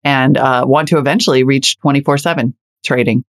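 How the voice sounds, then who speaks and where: A woman's voice: extremely low pitch, fairly even intonation, brisk. A woman in her forties co-hosting a podcast, chatting casually with dry, wry humor. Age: 40s. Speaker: podcast co-host. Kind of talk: casual chat.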